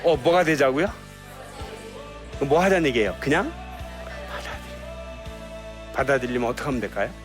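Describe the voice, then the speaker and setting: A middle-aged male pastor giving a lively sermon-style marriage lecture. He asks the audience questions and acts out quarrels in a raised voice. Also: mid-range voice.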